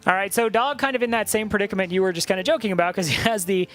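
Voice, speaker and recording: A man casting a card game tournament, talking through plays with quick joking banter. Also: high-pitched, fairly bright tone, soft background music. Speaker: esports caster. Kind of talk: play-by-play commentary.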